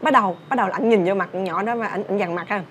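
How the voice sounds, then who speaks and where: Speaking fast in a mid-range voice, a young Vietnamese-accented woman uses a song to teach English, breaking down vocabulary and having learners practice pronunciation. Slight hiss or hum can be heard.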